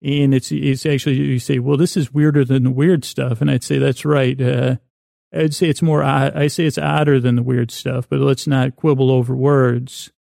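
On a sleep podcast, a creaky-voiced man gives a hesitant, meandering bedtime monologue, correcting himself as he goes in a lulling, soothing way. His mid-range voice is warm with little pitch movement at a normal speed, recorded dry in studio quality.

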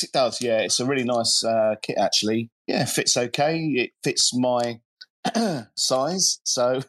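Man, medium pitch, casual podcast co-host chat. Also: a bit bright.

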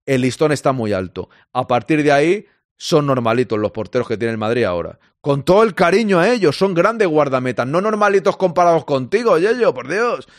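A man's voice: fairly high pitch, very animated, fairly quick, no room sound, studio quality. Chatty man hosting a football stream. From Spain. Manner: chatty, reads out and answers listener comments. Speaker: podcast host reading listener chat. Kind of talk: casual live-stream football chat.

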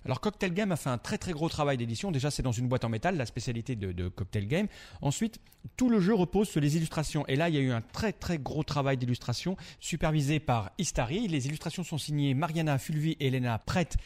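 A man with a slightly higher voice than most, talking through a board game review. He explains the rules step by step in a chatty way and keeps turning to the host. It sounds like a prepared segment, read with ease. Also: lively intonation, fast, darkish tone.

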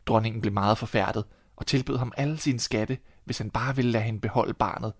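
A Danish man reading a fairy tale aloud in a calm, measured storytelling manner. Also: lowish voice, dry recording, studio quality.

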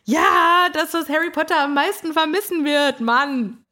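A woman doing a squeaky eager house-elf. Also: normal speed, sharp tone. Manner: speaks of himself in third person.

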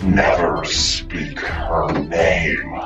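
A man voicing a huge, wrathful female kraken in a tabletop game, with a deep, muffled monster voice and a slow, menacing delivery. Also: flat delivery, music in the background, heavily acted. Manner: slow, drawn-out, menacing command. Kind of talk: tabletop game role-play.

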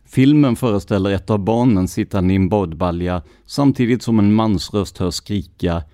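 A man hosting a true crime podcast, reading police records in a measured, scripted narration. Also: on the low side, mellow, no room sound, clean studio sound. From Sweden.

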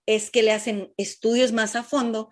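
A middle-aged woman with a Mexican Spanish accent telling the listeners her personal cancer story in a heartfelt, halting way. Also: fairly high pitch, level tone, a little mellow. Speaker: breast cancer patient sharing her story. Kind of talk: emotional personal testimony.

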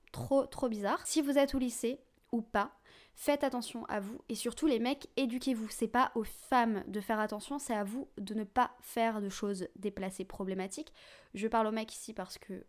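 A young woman in her twenties hosting a podcast, talking candidly and chattily and laughing at herself. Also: medium pitch. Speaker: podcast host. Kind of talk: personal podcast monologue.

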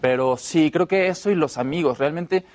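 Mexican man telling stories, relaxed. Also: a little high, moderate pace. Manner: relaxed storytelling, fillers and restarts. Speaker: actor, guest. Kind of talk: casual interview chat.

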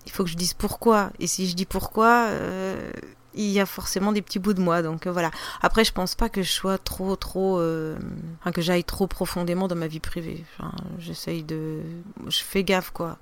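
A woman's voice: lowish voice, fairly even intonation, moderate pace. A woman, a podcaster, with a regional French accent, chatting loosely in an interview with lots of fillers and restarts. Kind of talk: casual interview chat.

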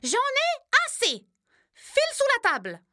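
A woman voicing a poor, plaintive little old grandmother in a children's storybook reading, with a high, thin, quavering voice. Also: fairly even intonation, slow pace, no room sound, clean studio sound. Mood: scolding. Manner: plaintive, sighing.

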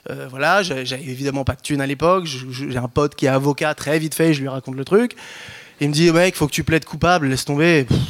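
A man in his thirties from France telling a personal anecdote to an audience, lively and self-mocking, with frequent restarts and slang. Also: fairly high pitch, fast talker. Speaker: storyteller.

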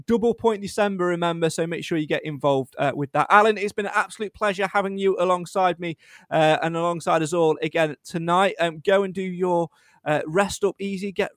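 A man's voice: sits high, no echo. A man hosting a casual football fan show, chatting in a matey way and signing off to guest and viewers.

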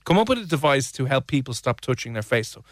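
A man's voice: medium pitch, big pitch swings, fast, no room sound, clean studio sound. An Irish man hosting a radio show, chatting casually and playfully teasing his co-host while reading listener texts. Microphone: studio microphone.

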